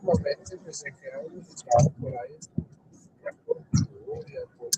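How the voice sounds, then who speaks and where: A man from Colombia, chatting casually as a guest and talking in a halting way with repeated words. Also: very high voice, huge pitch swings, very noisy. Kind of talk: casual chat.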